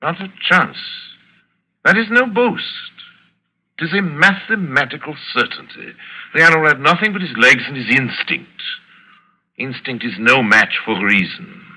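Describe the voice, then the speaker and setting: An actor playing an urbane, menacing older aristocratic general and hunter in 1940s radio drama style, savoring his words with deliberate theatrical polish. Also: fairly high pitch, animated, sharp tone, heavily acted, poor audio. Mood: intense, exultant. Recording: vintage radio drama broadcast recording.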